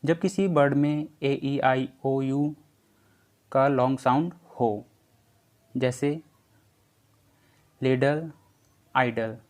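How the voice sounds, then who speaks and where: This slow spelling explanation comes from a male pronunciation teacher whose medium-pitched voice is steady and a little mellow. He is patient and repetitive, stretching out the sounds of letters as he teaches English.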